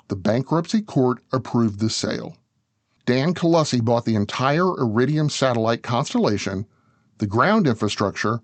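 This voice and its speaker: With a medium-pitched voice and no echo, a male show narrator talks the listener through a scripted business documentary, addressing them directly and conversationally.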